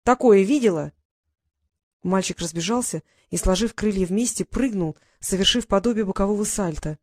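An audiobook narrator reading a fantasy story in an even, steady storytelling manner. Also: medium pitch, brisk. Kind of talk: scripted narration.

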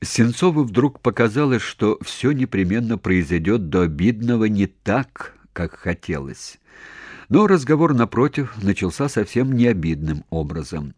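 A man doing scripted narration of a novel as an audiobook narrator, in a measured, even reading. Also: fairly low pitch, breathy edge, no room sound, studio quality.

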